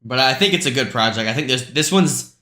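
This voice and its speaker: A man's voice: mid-range voice, expressive, brisk, bright, forceful tone, reverberant. A man hosting a live stream, talking through price charts in a loose, chatty way with lots of asides. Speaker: crypto live stream host.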